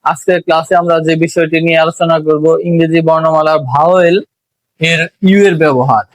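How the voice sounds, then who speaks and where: A man with a Bangladeshi accent teaching a pronunciation lesson, explaining slowly and drawing out letter sounds. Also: on the high side, fairly even intonation, no room sound. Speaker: English teacher.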